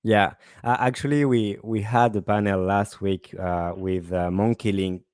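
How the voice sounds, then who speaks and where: A man with a French accent moderating a panel, asking questions with halting restarts. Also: on the low side, steady tone, darkish tone, dry recording, studio quality. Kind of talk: online panel discussion.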